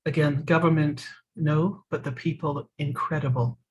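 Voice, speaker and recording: A man on a group call, talking in a warm, enthusiastic way. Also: fairly high pitch, fairly even intonation, moderate pace, slightly rough, highs cut off. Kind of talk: casual chat.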